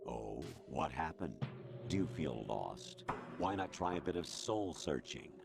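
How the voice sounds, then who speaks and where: An actor playing a cold, domineering male AI overseer who lectures in a calm, condescending voice. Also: rumbling low, a little slow, creaky, over music, exaggerated voice. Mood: coldly lecturing. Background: loud game soundtrack.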